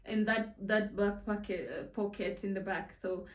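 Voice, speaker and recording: A woman's voice: mid-range voice, fairly even intonation, moderate pace. A woman, telling stories in a casual storytime vlog, chatty and giggly with many fillers. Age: 20s. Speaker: content creator. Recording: roomy echo, a bit far from the mic.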